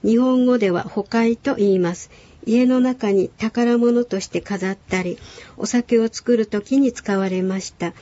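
A woman teaching language on a radio lesson, calmly explaining and modelling words for a learner to repeat. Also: on the high side, no room sound, highs cut off.

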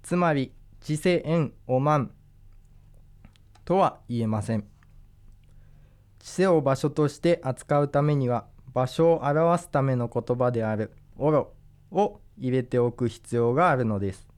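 A man teaching a language lesson, explaining grammar and example sentences slowly and carefully. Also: medium pitch, darkish tone, clear, resonant tone. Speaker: language instructor.

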